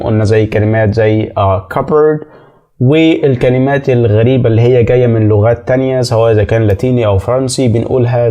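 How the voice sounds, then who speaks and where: Speaking with an Egyptian Arabic accent, a man with a warm, mid-range voice teaches an English pronunciation lesson. He explains step by step and repeats sounds slowly to demonstrate them.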